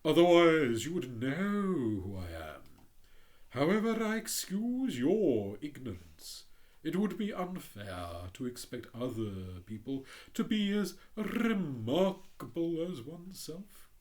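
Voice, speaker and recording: A storyteller voicing a haughty, conceited male firework rocket, slow and grandly drawn out. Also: mid-range voice, sing-song, darkish tone, voice pushed up. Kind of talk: storybook reading.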